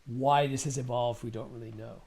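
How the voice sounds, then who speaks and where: A man's voice: mid-range voice, steady tone, brisk, darkish tone, husky. Thoughtful man musing aloud in conversation. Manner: thoughtful, rambling, repeats words while thinking. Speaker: musician and guest. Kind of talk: conversational interview.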